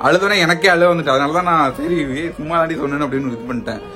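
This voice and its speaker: A man's voice: on the high side, very fast, music in the background. Man coaxing and teasing a friend. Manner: teasing, then apologetic and coaxing. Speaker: prank vlogger. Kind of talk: casual prank chat.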